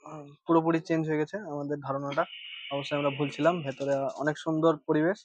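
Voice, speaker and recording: Flat, quick-talking young man, dull sound. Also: fairly high pitch, no room sound. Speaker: travel companion. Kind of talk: casual chat on camera.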